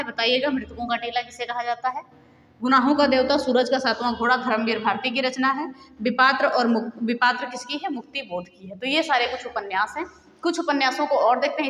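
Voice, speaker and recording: एक महिला शिक्षिका परीक्षा की तैयारी का पाठ पढ़ाती है, तेज़ी से सूची पढ़ती है और बीच-बीच में श्रोताओं से सवाल पूछती है।. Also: female voice, fairly high pitch, fairly bright tone, highs cut off. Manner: brisk list-reading with quiz questions to viewers. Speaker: teacher. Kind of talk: exam-prep lesson. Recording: echoey room with long reverb.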